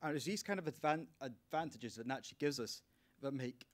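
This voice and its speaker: A man's voice: a little high, lively intonation, a little fast. Young man, PhD student, earnest prepared speech, a little emotional. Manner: earnest, slightly emotional delivery. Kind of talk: prepared speech at a launch event.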